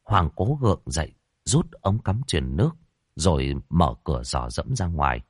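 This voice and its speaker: A man narrating a horror story in an expressive, dramatic way, voicing the characters. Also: a bass voice, normal speed, slightly rough, no echo, clean studio sound.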